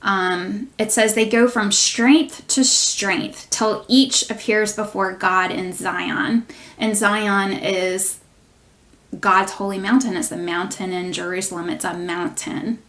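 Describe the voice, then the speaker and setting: A woman minister giving a gentle, reassuring devotional teaching with many small fillers. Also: mid-range voice, fairly even intonation, slow pace. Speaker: prophetic minister.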